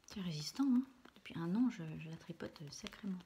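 A woman hosting an ASMR channel, chatting casually and hesitantly in a soft, breathy whisper. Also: on the low side, animated, fairly quick. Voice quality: breathy whisper, mostly unvoiced. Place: small room at home, indoors. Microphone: camera close in front, no external microphone. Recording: faint hiss and clicks, no studio microphone.

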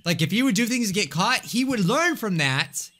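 A young man hosting casual gameplay commentary, excitable and rambling, recorded on a close desk mic in a small room. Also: high voice, normal speed. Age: young adult. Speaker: gaming video host. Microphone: close desk microphone with headset.

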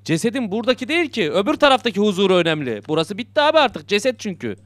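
A man's voice: high voice, big pitch swings, rapid-fire, fairly bright tone, dry recording. Jumpy young man muttering through a horror game. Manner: jokey, talks to himself, muttering then yelping in fright. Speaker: gaming YouTuber. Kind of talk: horror game let's play commentary.

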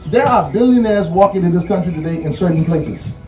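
A man's voice: sits high, lively intonation, a little fast, dark tone. A man with a Bahamian accent giving a commencement address in a preaching cadence, stressing his points and repeating key phrases. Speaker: commencement speaker. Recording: roomy echo, distant mic, faint music.

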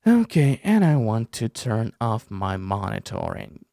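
A young adult man, a tutorial host and streamer, talks slowly and animatedly in a lowish, creaky voice during a casual software tutorial. He informally explains each step and throws in playful asides. The setting is a small indoor room at a desk with a close desk microphone and headphones, recorded dry with clean studio sound.

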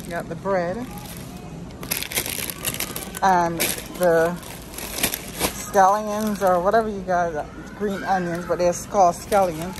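Chatty woman shopping in a noisy store. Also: mid-range voice. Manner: chatty, comparing prices aloud. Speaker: vlogger filming her grocery trip. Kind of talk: casual shopping chat. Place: inside a large grocery store. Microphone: handheld phone camera.

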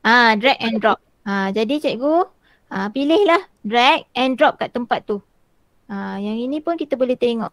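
A woman teacher, demonstrating a tool in an online workshop and filling pauses with "ah" over a video call. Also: on the high side, lively intonation, a bit bright, no room sound. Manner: chatty, frequent "ah" fillers while walking through screens.

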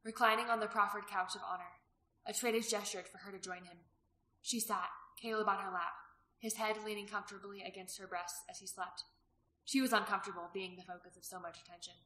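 A woman reading a novel aloud as narrator, steady and even. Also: mid-range voice, a little fast. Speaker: audiobook reader. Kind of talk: scripted narration. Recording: roomy echo.

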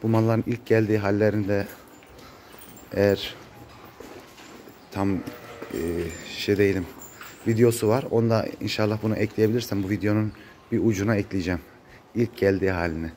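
A cattle farmer vlogs casually to viewers from an open-sided, metal-roofed cattle barn, his lowish, darkish voice muffled and congested from a cold. He speaks at normal speed in a steady tone with long pauses, recorded on a handheld phone amid barn noise.

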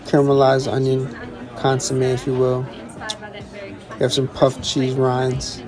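A young man, a chef and vlogger, casually talking through a restaurant tasting menu with excited repetition and restarts. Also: mid-range voice, measured pace, some chatter behind. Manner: enthusiastic, repeats words, restarts.

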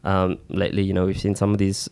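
A man explaining things informally and haltingly as a podcast co-host, close on a studio mic. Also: low-pitched, completely flat delivery, gravelly, a little mellow, smooth. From New Zealand. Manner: halting, informal, peppered with "you know". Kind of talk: casual explanatory chat. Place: small indoor podcast studio. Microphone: close boom-arm studio mic with headset.

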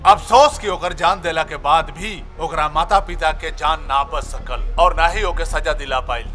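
A man's voice: a little high, moderate pace, lightly acted. A man acting as a grave, insistent news reporter questioning a minister in a film, with a Bhojpuri accent and formal, pointed delivery. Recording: music behind the voice.

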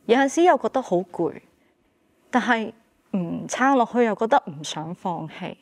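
A woman's voice: mid-range voice, lively intonation, normal speed, no echo. Reflective Hong Kong Cantonese woman, dry close sound. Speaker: activist guest. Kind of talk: candid panel testimony. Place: dark studio stage.

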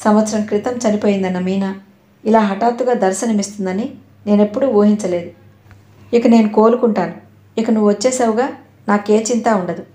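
A lovesick, well-off young man begs and insists in this audio novel, voiced by a woman narrator. His voice is mellow and soft-edged. It sits in a roomy, echoing space. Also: medium pitch, brisk, lightly acted. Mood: overjoyed. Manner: pleading and insistent. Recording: roomy echo.

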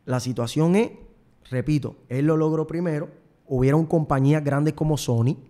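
Speaking at a moderate pace, the young man's voice is a little high and warm, with a Puerto Rican accent. He's a show host and singer from Puerto Rico, indoors on a studio set, rambling through a repetitive, self-promoting comic monologue close to a desk microphone while wearing headphones.

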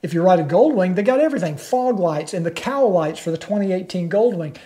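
A man's voice: high-pitched, animated, a little fast, warm tone. An older man talking straight to the camera from his living room, hosting a motorcycle channel in a plain-spoken, persuasive way. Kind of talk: direct-to-camera vlog.

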